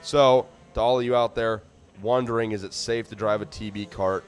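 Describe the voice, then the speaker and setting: A man's voice: fairly low pitch, fairly even intonation, moderate pace. A man giving live race commentary in a chatty, joking way, rambling into funny asides between lap times.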